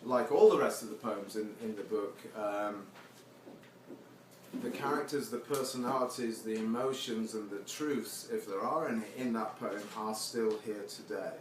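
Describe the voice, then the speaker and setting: A man with a lowish voice reads his own poetry at a normal speed at a live venue with the audience seated. His casual introductions are wry and self-deprecating. The recording sounds distant, echoey and noisy.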